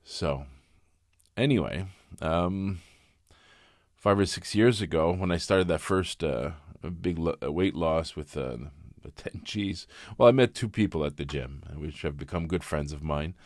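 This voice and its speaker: Brief: fifties man, deep voice, dry close sound, halting confessional vlogger. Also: animated, no room sound. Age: 50s. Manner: halting, reflective, frequent restarts. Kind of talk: candid personal vlog.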